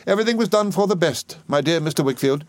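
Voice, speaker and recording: A man's voice: animated, quick pace, no room sound, close to an everyday voice. A man putting on a gushing old widow. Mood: insistent. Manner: shrill, emphatic, gushing. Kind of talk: audiobook character reading.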